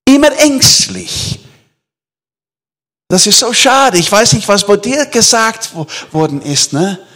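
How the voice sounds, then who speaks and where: A man preaching with a lively, swooping voice that sits a little higher than most men's. He jumps from loud, emphatic questions to hushed, almost whispered asides. He tells stories to his listeners as a sermon. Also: normal speed. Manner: animated, swings between loud emphasis and near-whispers.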